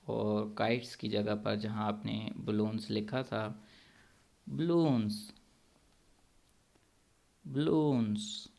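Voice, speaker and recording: A man teaching English pronunciation to children in an online class, saying words slowly and repeating them for the pupils to echo. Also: fairly low pitch, completely flat delivery, vocal fry, a little mellow.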